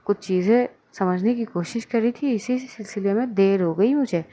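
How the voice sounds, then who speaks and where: A woman's voice: normal speed, warm tone, natural voice. A woman voicing a young female police officer who soothes and teases her worried partner. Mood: soothing. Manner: soothing, teasing, low-key.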